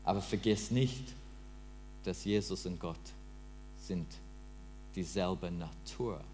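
A man whose first language is English, preaching in halting, broken German and quizzing his listeners. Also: low-pitched, dark tone. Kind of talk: interactive sermon. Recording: roomy with mains hum.

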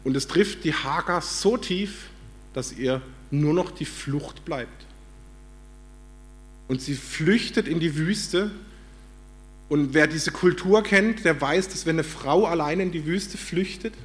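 A man's voice: a little high, takes it slowly. A man from Germany preaching a sermon, telling a story with animation and acting out the voices he quotes.

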